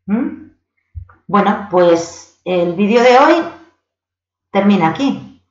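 A woman from Spain, an English teacher, giving a patient recorded lesson, slowing down for examples and often checking in with her learners. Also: medium pitch, animated, a little mellow. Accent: Spanish from Spain. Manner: patient, slows down to read example sentences. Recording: echoey, dull lo-fi home recording.

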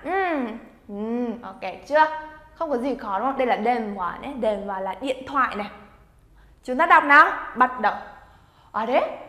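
A woman's voice: a little high, animated, moderate pace, pushed and bright. A woman teaching Japanese vocabulary, encouraging her students and drilling words aloud for them to repeat. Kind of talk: language lesson. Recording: echoey room with long reverb.

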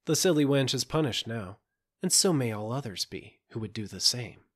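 A man's voice: medium pitch, animated, moderate pace, close to an everyday voice. A man voicing a vain, cruel young princess in an audiobook fairy tale, speaking haughtily. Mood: haughty. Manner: haughty, scornful.

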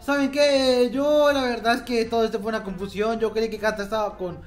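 Un hombre que presenta y actúa en un roleplay de Minecraft en su canal, exagerado y quejumbroso, que a menudo grita. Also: male voice, very high-pitched, fairly even intonation, a little fast, faint music behind. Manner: exaggerated, whiny, shouting. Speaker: YouTube host. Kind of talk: Minecraft roleplay, playing himself.

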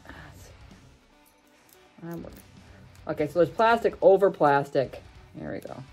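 A woman's voice: low-pitched, animated, measured pace, darkish tone. A woman in her thirties chats casually to a camera at home. She is wry and unpolished, like someone talking off the cuff. Faint music plays behind her on the home recording. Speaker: food challenge vlogger. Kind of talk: casual talk to camera during a spicy food challenge. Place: furnished room at home, indoors. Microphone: camera on the desk, about arm's length.

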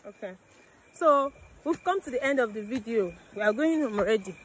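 A young woman with a Nigerian accent, chatting excitedly as she vlogs her walk through a cave and down to a river. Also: on the high side, moderate pace, husky, poor audio. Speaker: vlogger. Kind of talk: casual travel vlog narration. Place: inside and around a cave and riverside outdoors.

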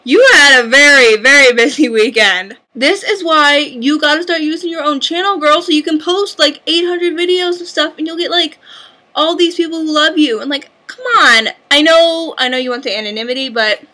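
A woman's voice: high voice, normal speed, pushed and bright. A young woman vlogger chatting casually and bubbly, with lots of filler words. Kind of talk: casual chat.

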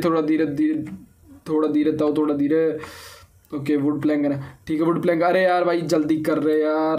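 A young man with a high voice talks through his game in casual let's-play style. He is chatty and excitable, often firing off the same word over and over. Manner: excitable, chatty, often repeats words in bursts. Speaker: gaming YouTuber.

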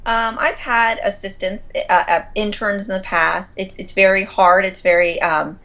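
A woman in her thirties chats in a casual interview as a consultant to photographers. She is effusive and talks at length, often restarting her sentences. Her voice sits at an ordinary middle pitch for a woman. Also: fairly even intonation, measured pace, a bit bright. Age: 30s.

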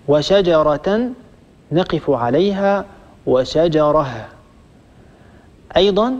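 A man with a Libyan Arabic accent teaching Quran recitation rules, patiently repeating each rule and slowly demonstrating the examples. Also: fairly high pitch, a little mellow. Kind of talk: tajweed lesson. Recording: dull lo-fi audio with long reverb.

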